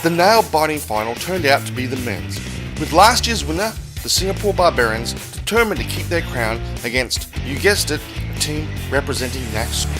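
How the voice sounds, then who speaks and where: A man hosting a rugby show, presenting scripted highlights in an upbeat, emphatic showman style. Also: lively intonation, moderate pace. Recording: music playing behind the voice.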